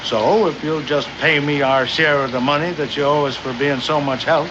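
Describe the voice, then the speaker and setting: A muffled, noisy old western soundtrack carries a male actor as a scheming frontier father. His voice sits rather high for a man, and he argues in wordy, mock-formal phrases, always out for himself. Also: steady tone, normal speed, natural voice. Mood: aggrieved. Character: scheming, self-interested frontier father and horse thief. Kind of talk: 1960s TV western acting.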